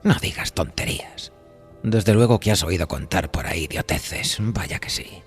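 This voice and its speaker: In an audio horror drama, a man plays a sly, diabolical train conductor who is a smooth devilish dealmaker, with music playing behind his voice. His low, gravelly, breathy near-whisper sounds persuasive and unhurried, insinuating and amused as he addresses the listener familiarly.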